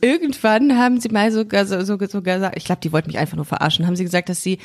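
A woman's voice: mid-range voice, racing. Rambling, chatty woman host. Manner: chatty, rambling, many fillers and restarts. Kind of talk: casual chat.

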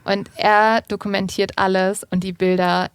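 A woman's voice: medium pitch, flat delivery, moderate pace, clear, resonant tone, no room sound. Casual woman narrating true crime. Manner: casual storytelling with colloquial fillers. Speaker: podcast host.

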